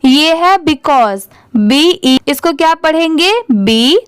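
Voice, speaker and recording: This woman's high, animated voice carries no echo as she gives a slow spelling-out reading lesson in English. Each word comes out letter by letter before she pronounces it slowly, and she poses questions to learners only to answer them herself.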